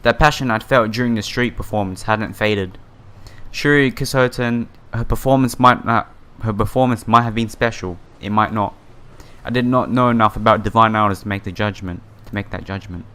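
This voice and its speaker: His voice is fairly low, sharp and clean, delivered at a moderate pace. The man, a let's player, reads a visual novel's text aloud during a playthrough, chatting casually and tripping on some words over game music.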